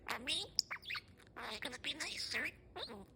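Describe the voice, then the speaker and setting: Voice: high-pitched, very animated, normal speed, gravelly, pushed and bright, slight background noise. A young pet budgie doing parakeet chatter, mimicking affectionate human phrases in a garbled, squawky, repetitive way, with a feminine-sounding voice. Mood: chirpy chatter.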